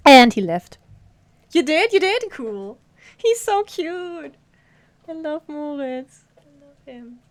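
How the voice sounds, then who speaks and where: A woman's voice: high voice, sing-song, slow pace, pauses often. A woman streaming a video game, chatting casually with viewers, giggling often and talking to her cat. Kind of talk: casual live-stream chat while gaming.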